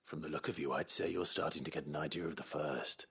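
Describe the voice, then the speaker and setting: A man playing a brooding, defiant young warrior in a video game, stern and deliberate in manner. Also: a bass voice, fairly even intonation, creaky, a bit bright, slightly rough, full character voice. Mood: menacing calm.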